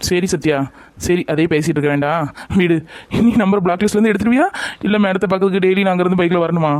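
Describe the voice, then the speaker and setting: A man's voice: high-pitched, fast, darkish tone, no echo. A young man in a scripted romantic drama, talking with reproach and coaxing. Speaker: lover in a family skit.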